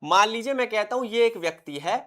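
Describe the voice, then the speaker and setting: A man's voice: high-pitched, animated, brisk, fairly bright tone. Man lecturing, quizzing his class. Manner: quizzes students constantly, answers his own questions; repeats key terms for emphasis. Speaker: teacher. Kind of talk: exam-prep lecture.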